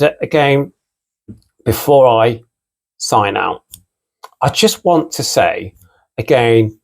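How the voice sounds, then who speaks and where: A British man with a mixed English and Irish accent, a record collector hosting his own channel and chatting casually. He rambles and keeps repeating "again" and "you know.". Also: lowish voice. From United Kingdom. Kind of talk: casual unscripted vlog talk.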